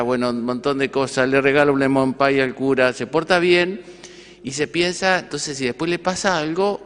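A man's voice: medium pitch, a bit bright, long reverb tail. A male priest with an Argentine accent giving a conversational sermon, often asking rhetorical questions. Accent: Argentine Spanish. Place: church.

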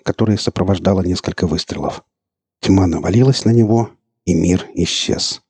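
A man reading a novel aloud in an even, measured storytelling manner. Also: on the low side, husky, dry recording. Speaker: audiobook narrator. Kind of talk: scripted narration.

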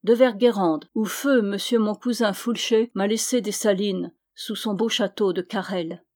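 A woman's voice: mid-range voice, fairly even intonation, a little slow, a little mellow, natural voice. A woman reading the lines of a blunt medieval man-at-arms, matter-of-fact.

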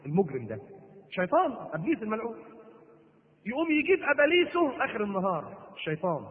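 A man with an Egyptian accent preaching to women, animated and acting out the people he quotes. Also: sits high, fast talker. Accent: Egyptian Arabic. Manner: animated, acts out quoted voices. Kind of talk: lecture to women in a sermon. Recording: phone-like sound with long hall echo.

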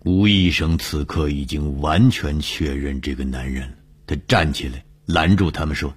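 A man narrating a broadcast story in a measured, dramatic way. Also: very deep voice, breathy edge.

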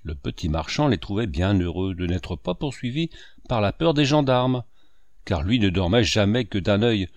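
Expressive male storybook narrator, lively inflection, dry close mic. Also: on the low side, moderate pace, dry recording. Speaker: audiobook narrator.

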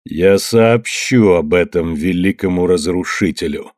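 A man doing a deep, boxy, muffled alien voice. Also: unhurried, a little mellow, no room sound, clean studio sound. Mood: ominous. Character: alien male destroyer, cold and stern, voice sunk into his chest. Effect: changed, muffled voice as if from inside a box. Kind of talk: audiobook narration with acted figures.

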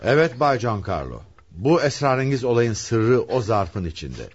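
An actor playing a police commissioner in a radio drama, calm and authoritative. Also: male voice, mid-range voice, moderate pace, husky. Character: shrewd middle-aged male police commissioner. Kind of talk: 1960s Turkish radio drama acting. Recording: dull lo-fi archive radio recording.

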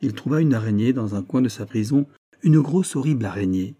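A man's voice: medium pitch, normal speed, mellow, breathy edge. A man voicing an emphatic male investigator who lays out the truth of a crime, his voice raised and pressing. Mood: probing. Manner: emphatic, probing, raised and tense. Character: sharp, insistent male investigator unveiling a crime.

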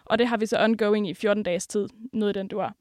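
A woman's voice: mid-range voice, steady tone, a little mellow, no echo, clean studio sound. Woman telling café stories with fillers. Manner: laughing, hesitant fillers. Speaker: podcast guest, café worker. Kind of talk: casual storytelling.

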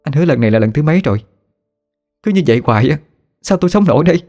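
A man's voice: medium pitch, animated, fairly quick, darkish tone, voice pushed up, natural voice. A man voicing an exasperated young wife who nags and scolds her husband, over faint music. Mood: scolding. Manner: nagging, scolding.

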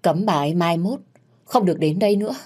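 A woman voicing a bold young servant woman who answers with quick, cutting retorts. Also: lowish voice, darkish tone, slightly rough. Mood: firm.

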